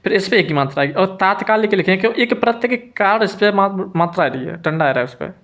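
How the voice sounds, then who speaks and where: A man teaching spelling in a lesson, repeating each word slowly and checking in with the listener. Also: high voice, lively intonation, a bit bright.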